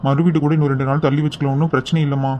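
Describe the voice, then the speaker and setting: Lady putting on a low flat-ish cartoon husband voice, worried and soothing, quick, bit dull and hissy. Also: natural voice. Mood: concerned. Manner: soothing, reassuring. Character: worried gentle middle-aged husband.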